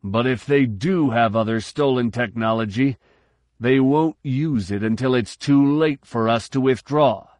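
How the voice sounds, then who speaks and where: A man's voice: medium pitch, unhurried, darkish tone, no room sound, pitched above the performer's own voice, natural voice. A man voicing a resigned but defiant male fleet admiral who argues boldly with a raised voice. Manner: bold, pressing, raised in argument.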